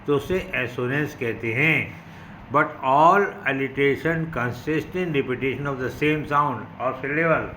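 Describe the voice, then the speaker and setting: A man teaching English grammar, reading each English phrase slowly and then explaining it. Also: mid-range voice, bright, forceful tone, slight background noise, poor audio. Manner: addresses students as son. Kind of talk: bilingual lecture.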